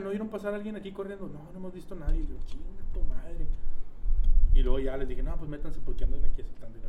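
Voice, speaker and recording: Fast-talking slangy Mexican young man. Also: fairly high pitch, a little hiss or hum. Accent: Mexican Spanish. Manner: slangy, swearing, animated storytelling. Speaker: storyteller. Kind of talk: casual chat.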